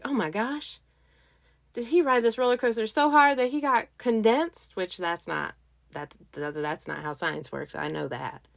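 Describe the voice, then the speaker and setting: Playful woman telling a funny story. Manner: playful, animated, jumps into high squeaky voices. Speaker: podcast host. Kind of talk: casual storytelling.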